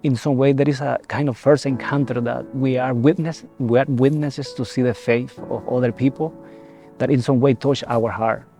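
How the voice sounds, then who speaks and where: Young man from El Salvador, gravelly and halting, soft music underneath. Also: mid-range voice, fairly even intonation. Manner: halting, many repeated words and restarts. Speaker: seminarian. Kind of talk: reflective personal testimony.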